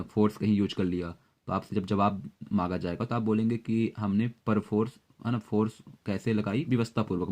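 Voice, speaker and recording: A man teaching exam vocabulary, explaining words and memory tricks at a steady pace with frequent fillers. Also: fairly low pitch. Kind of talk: Hindi-English vocabulary lesson with memory tricks.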